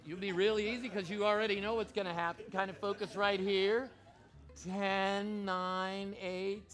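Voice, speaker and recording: A male stage hypnotist with a high-pitched, bright voice speaks in live show patter. He gives instructions and counts in a deliberate, commanding way, repeating his suggestions, with faint music behind him. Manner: shouts excited commands to start the action.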